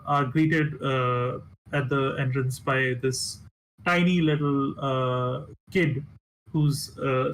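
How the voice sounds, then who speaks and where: A man slow, halting game master. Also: medium pitch, rough recording. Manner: halting, many filler words. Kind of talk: narrating a tabletop game over voice chat. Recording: faint background noise.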